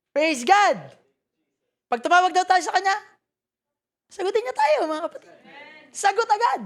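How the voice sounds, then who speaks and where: Filipino woman preacher with a high voice, lively and joking, reading scripture in English. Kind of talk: sermon.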